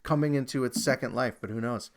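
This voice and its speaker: A man's voice: mid-range voice, fast. A man co-hosting a casual soccer podcast, joking and swearing freely. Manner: joking, profane, lively. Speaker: podcast co-host. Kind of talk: casual sports podcast chat.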